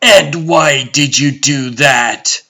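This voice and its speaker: A man's voice: medium pitch, drawn-out words, sharp tone, full character voice. A man voicing an imperious, menacing god-emperor tyrant in a comic dub, grandiose and commanding in his delivery. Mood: cold, menacing. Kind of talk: theatrical comic-dub villain acting.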